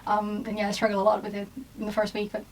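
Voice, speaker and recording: A woman's voice: mid-range voice, monotone, quick pace. A young woman from Brazil, chatting casually as a guest and giggling between thoughts. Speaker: guest, exchange student. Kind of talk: casual chat. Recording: distant mic, faint noise.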